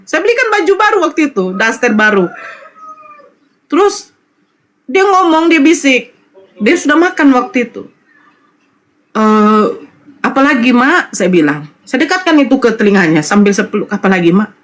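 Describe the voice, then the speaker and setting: A woman's voice: fairly high pitch, big pitch swings, moderate pace, fairly bright tone. A woman with a North Sumatran Indonesian accent giving an emotional personal testimony, earnest and repetitive, acting out the dialogue she recalls. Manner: earnest storytelling, repeats phrases, acts out quoted dialogue. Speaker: guest telling her conversion story.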